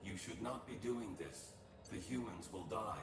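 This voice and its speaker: Low, gravelly, officious ship computer. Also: male voice, moderate pace, reverberant, distant mic, music in the background. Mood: stern warning. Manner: stiff, officious, formal. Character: stern, officious male ship computer, rule-bound and disapproving. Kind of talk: scripted video game acting.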